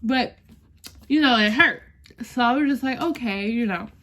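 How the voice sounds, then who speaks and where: A woman's voice: fairly high pitch, normal speed, fairly bright tone. A young woman tells an emotional personal story in a casual, chatty way, often calling her viewers y'all and sometimes close to tears. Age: young adult. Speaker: vlogger.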